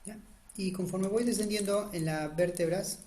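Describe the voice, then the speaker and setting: A man's voice: high-pitched, fairly even intonation, normal speed, dark tone. A man teaching an anatomy lecture, quizzing the students and answering his own questions, urging them to pay attention. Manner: urgent, repeatedly asks students to pay attention. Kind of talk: online lecture drawing on a diagram.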